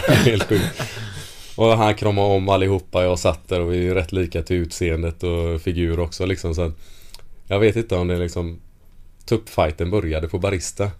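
A man in his thirties, a football player guest telling lively anecdotes in a casual interview and laughing often. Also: deep voice.

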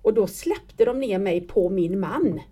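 Mellow and mid-range, with lively intonation, this middle-aged guest shares something personal in an easygoing chat. Her sentences frequently break off and restart as she hunts for words.

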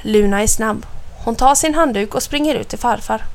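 A woman narrates a children's audiobook with clear, expressive storytelling. Her voice sits a little high for a woman. She reads in a measured, vivid way suited to young listeners.

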